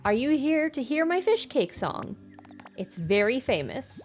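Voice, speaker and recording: A woman's voice: sits high, big pitch swings, a little slow, faint music behind. A woman playing a chirpy villager who loves a silly song. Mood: cheerful. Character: cheerful villager proud of a catchy fish song.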